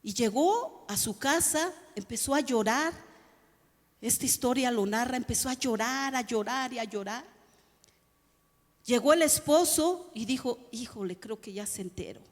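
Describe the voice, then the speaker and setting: A woman's voice: high-pitched, expressive, measured pace, big-room sound. A woman pastor preaching a sermon, addressing the congregation and asking them rhetorical questions. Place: church hall.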